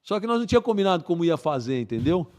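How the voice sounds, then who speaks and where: In a casual interview, a middle-aged police colonel guest tells a story in a fairly high, slightly mellow voice, racing along and very animated. He mimics gunshots and acts out the voices of the people involved.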